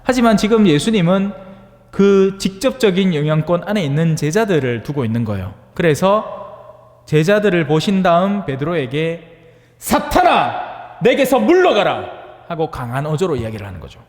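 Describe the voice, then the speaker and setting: Lively priest preaching in a hall. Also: male voice, on the high side, a little fast. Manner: conversational, asks the audience for agreement; acts out voices in dialect-tinged asides. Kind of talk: homily on the Gospel.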